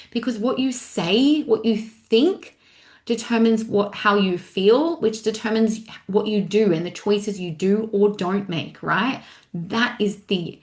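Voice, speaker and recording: A young adult woman coaching in a casual, animated way, with lots of fillers like "like" and "right". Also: mid-range voice. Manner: casual, filler-heavy with frequent "like", animated retelling. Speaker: mindset coach. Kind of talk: motivational talk. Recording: echoey room.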